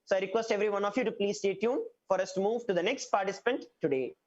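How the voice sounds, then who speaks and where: A woman's voice: mid-range voice, fast talker, darkish tone. A woman host speaks courteously and formally as she thanks a participant and moves the program along. The sound is muffled and lo-fi. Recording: dull, lo-fi sound.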